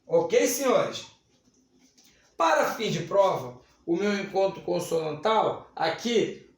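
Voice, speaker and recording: A Brazilian man teaching Portuguese grammar at a whiteboard, stretching key words and checking in with the class. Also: sits high. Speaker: Portuguese teacher for civil service exams. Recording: very echoey room.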